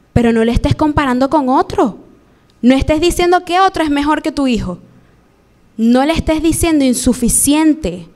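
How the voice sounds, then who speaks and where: A young Venezuelan woman preaching a live sermon in a church, lively and acting out the voices she quotes. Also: sits high.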